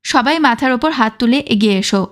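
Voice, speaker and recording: A hardened young freedom fighter, voiced by a woman narrator, clipped and commanding. He is driven by vengeance and talks in short orders. The voice sits fairly high. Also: lively intonation, a little fast, fairly bright tone. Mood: grim. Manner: curt, commanding.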